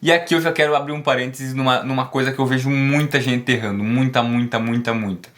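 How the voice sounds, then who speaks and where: A man teaching an online English lesson, emphatic and encouraging, drilling words slowly and repeating them. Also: medium pitch, steady tone, fairly bright tone, faint music behind.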